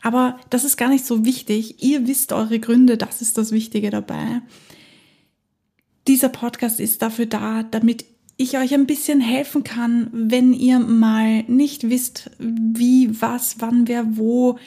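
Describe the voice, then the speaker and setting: A woman whose first language is German hosts her own podcast, chatting alone in a casual, enthusiastic monologue and laughing often. Her fairly high voice is mellow and husky, with a flat delivery and a slow pace.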